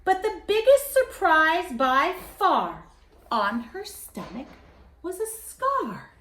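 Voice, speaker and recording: A woman reading a children's picture book aloud in an expressive, theatrical way, with dramatic pauses. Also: very high voice, slight background noise. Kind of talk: children's story read aloud. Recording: roomy echo.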